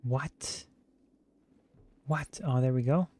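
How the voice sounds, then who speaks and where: A man's voice: mid-range voice, slow, dark tone. A man streaming a video game who chats casually, rambling while he plays and answering his chat. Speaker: gaming streamer. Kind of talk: casual let's-play commentary.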